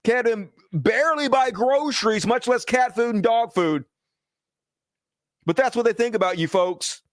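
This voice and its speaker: Profane political ranter, male, high-pitched, dry close sound. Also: moderate pace, no room sound. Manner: profane, heated ranting, addresses viewers as folks. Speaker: political commentary host. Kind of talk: angry political commentary.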